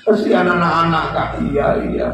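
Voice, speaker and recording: A man's voice: fairly high pitch, fairly even intonation, moderate pace, a bit bright. A man preaching a humorous sermon, playful and acting out his stories. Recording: echoey, distant, noisy room.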